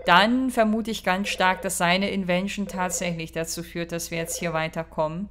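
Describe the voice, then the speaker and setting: A woman's voice: on the low side, fairly even intonation, normal speed, noisy background. A woman hosting a let's play, chatting casually and reacting to the game with mock exasperation. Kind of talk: casual gameplay commentary.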